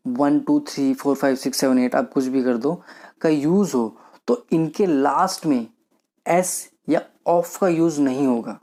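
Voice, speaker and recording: This grammar teacher is a man whose voice sits on the high side and stays mellow and easygoing. He poses his own questions and supplies the answers, dropping to a much slower pace for each example sentence he reads.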